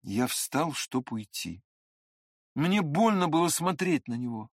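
A reader narrating a classic novel in expressive, scripted audiobook style. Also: mid-range voice, slow pace, dry recording, clean studio sound.

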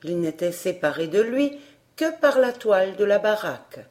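A woman reading a storybook aloud in an expressive, measured narration. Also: medium pitch. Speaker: audiobook reader.

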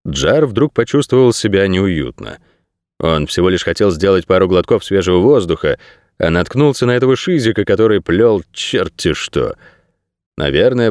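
A man's voice: deep voice, a little mellow, no room sound, clean studio sound. A man reading an audiobook aloud as scripted narration.

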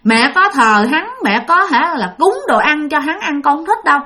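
A woman's voice: high-pitched, animated, moderate pace, sharp tone, voice pushed up. A woman telling of a bitter young man's ghost. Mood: resentful. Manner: insistent, repeating himself.

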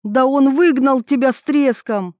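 Woman playing a shrill, accusing betrayed friend. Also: unhurried, a little mellow, dry recording, studio quality.

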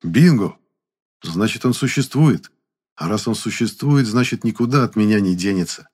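A man's voice: lowish voice, animated, normal speed, a little mellow, husky. A man voicing a young fellow with a grown man's mind, guarded, curt and self-assured. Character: cocky youth with an adult's mind.

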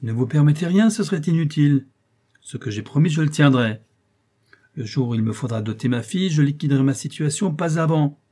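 A man reading an audiobook, voicing a proud, quick-tempered aristocratic count who speaks in a curt, commanding way. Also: a little high, lively intonation, warm tone, pitched above the performer's own voice. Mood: haughty.

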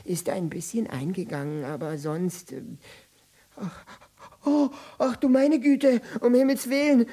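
Costumed hero, nervous, bumbling, husky, stammering, children's radio drama. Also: female voice, sits low, measured pace, mellow, heavily acted. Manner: stammering, fretful.

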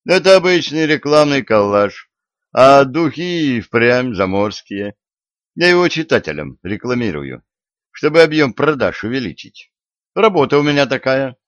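A man's voice: medium pitch, big pitch swings, normal speed, no echo, highs cut off, voice pushed up, close to an everyday voice. A man voicing a weary, exasperated modern journalist who talks plainly, in an audiobook. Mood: explaining.

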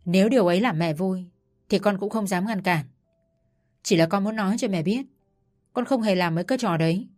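A woman's voice: medium pitch, a little mellow, faint music behind, natural voice. A woman voicing a firm, defiant young wife. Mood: firm defiance. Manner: firm, measured retorts.

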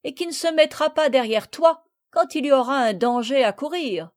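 A woman voicing an eager, earnest little boy of seven in a storybook reading, speaking with lively, heartfelt pleading. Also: sits high, moderate pace, no echo, studio quality.

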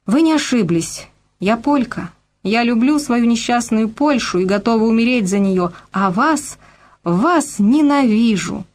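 A woman's voice: mid-range voice, normal speed, a little mellow, natural voice. A woman reading an audiobook, voicing a passionate young Polish maid who speaks with raised emotion. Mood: fierce. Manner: pleading then fiercely accusing.

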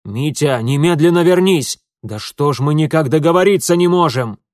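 A gruff, hot-tempered middle-aged police chief father, voiced by a male narrator. He grumbles and barks, loud and forceful. The sound is dry and close. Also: mid-range voice, normal speed, no room sound, natural voice. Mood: commanding.

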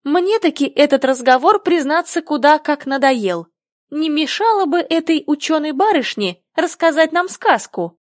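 A woman's voice: high-pitched, expressive, normal speed, dry recording, studio quality. A woman reading the part of a grumpy, bored male hare in a storybook, with a grumbling, drawling delivery.

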